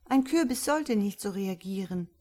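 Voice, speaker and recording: A woman voicing a timid, innocent little female creature in a read-aloud storybook, speaking high and plaintively. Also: animated, normal speed, a little mellow, close to an everyday voice.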